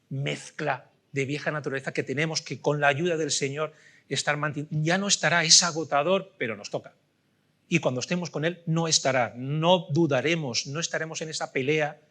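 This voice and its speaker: A middle-aged man preaching a sermon, telling a story with loud bursts and soft asides. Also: fairly high pitch.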